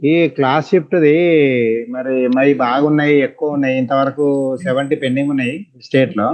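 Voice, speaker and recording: A man, a district official speaking rapidly and earnestly in an online meeting. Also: medium pitch, flat delivery. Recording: dull lo-fi call audio.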